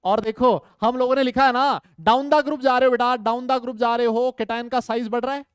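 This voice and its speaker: A man's voice: very high voice, fairly even intonation, normal speed, clear, resonant tone, no room sound, clean studio sound. A man teaching a chemistry lecture, emphatic, repeating key points and checking in with his students. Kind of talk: online lecture.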